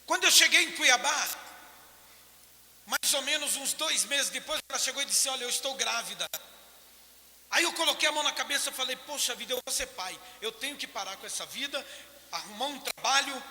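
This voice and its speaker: A man with a Brazilian Portuguese accent tells his life story before a church, acting out the voices of people in it. His voice sits very high with a bright, piercing edge. It rings through a large hall with a long echo, as on a live stream. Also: expressive, brisk. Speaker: church testimony speaker. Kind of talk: personal testimony in church.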